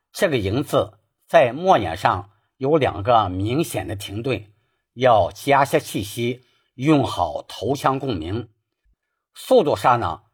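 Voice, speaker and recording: A man teaching Peking opera singing, taking each point of technique in turn. His voice is a little husky, and his pitch moves a lot as he speaks. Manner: patient, explains technique step by step. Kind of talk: spoken singing lesson.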